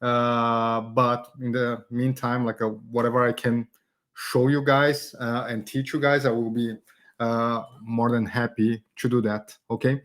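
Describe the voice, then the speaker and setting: A man's voice: medium pitch, level tone, a little slow, a bit bright. Chatty Brazilian-raised man hosting workshop. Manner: chatty, many fillers and "okay?" tags. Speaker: community event host teaching design. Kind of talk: casual live online workshop.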